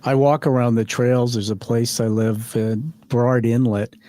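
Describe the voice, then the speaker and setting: A man's voice: mid-range voice, fairly even intonation, moderate pace, mellow, no room sound. Friendly rambling male podcast host. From Canada. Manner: friendly, rambling, laughs easily. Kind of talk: conversational interview. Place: studio.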